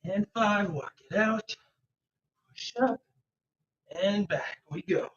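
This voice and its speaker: A fitness coach leads a live online bodyweight warm-up like an aerobics instructor, exercising along while counting reps and calling encouraging cues. His voice is high, slow and fairly bright, switching between English and French. The mic sits at a distance from his mouth, giving a distant, dull sound.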